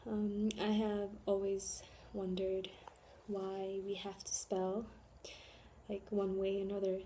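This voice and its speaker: A young American woman presents to her class in an earnest, halting way, filling pauses with ums and spelling words out letter by letter. Her voice is mellow and soft-edged. A faint hiss sits under the recording. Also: medium pitch, completely flat delivery. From born in South Korea, raised in Chicago. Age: young adult. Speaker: student presenter.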